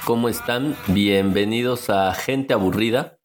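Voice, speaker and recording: A man's voice: fairly low pitch, unhurried, over music. A man, co-hosting a podcast in casual chat, rambling and joking as he stops and restarts his sentences. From Mexico City. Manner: rambling, self-interrupting, joking. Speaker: podcast co-host.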